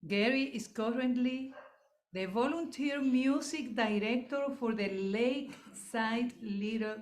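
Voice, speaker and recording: A woman minister welcomes the congregation and leads a calm opening prayer, slipping into Spanish phrases for parts of it. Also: on the high side. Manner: calm, unhurried, leads a guided breath and prayer. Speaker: church minister leading the service. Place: church service hall. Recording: echoey hall, faint room noise.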